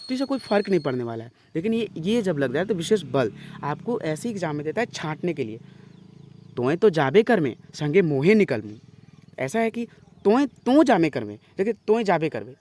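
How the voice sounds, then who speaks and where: A man's voice: high voice, darkish tone, no room sound. A male teacher giving an exam-prep lesson, explaining step by step, repeating phrases and often checking in with his students. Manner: reads example sentences slowly and emphatically.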